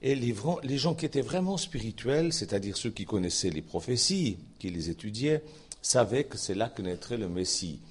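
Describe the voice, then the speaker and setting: A Swiss man with a Swiss French accent and a lowish, slightly rough voice preaches an informal Bible sermon at a moderate pace. He is folksy and chatty, with asides to his listeners and lively rising emphasis.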